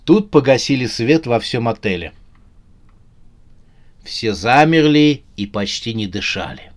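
Man narrating a comic horror story. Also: mid-range voice. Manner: lively, playful storytelling. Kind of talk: scripted audiobook narration.

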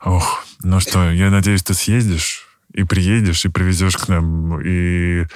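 A man's voice: sits low, flat delivery, unhurried, no room sound, clean studio sound. A man hosting a podcast in a casual interview style. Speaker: podcast host. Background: music.

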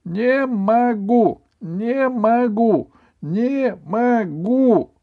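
Lazy whiny schoolboy as voiced by a man, high and wailing, slow drawn-out storybook reading. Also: very animated, no room sound, highs cut off. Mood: stubborn.

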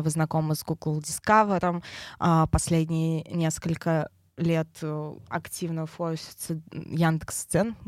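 A woman's voice: sits low, no echo, studio quality. A woman who pronounces her r with a burr, explaining things informally as a guest in a podcast interview. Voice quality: burred, non-standard r sound (speech impediment). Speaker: interview guest, head of a traffic department.

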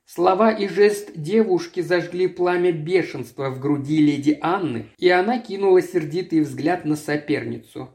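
A man narrating an audiobook in a measured storytelling manner. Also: a little high, darkish tone.

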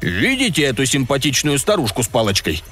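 A man voicing a pompous, vengeful middle-aged alderman who speaks slowly and menacingly in an audiobook. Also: mid-range voice, huge pitch swings, a bit bright, soft background music. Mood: gloating. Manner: slow, menacing, self-important. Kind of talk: audiobook character voice.

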